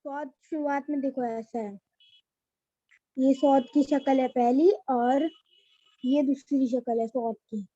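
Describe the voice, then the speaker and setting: High-voiced woman teaching letters patiently. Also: fairly even intonation, slow pace, pauses often, dark tone, dry recording, muffled recording. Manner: patient, repeats each letter name. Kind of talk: children's alphabet lesson.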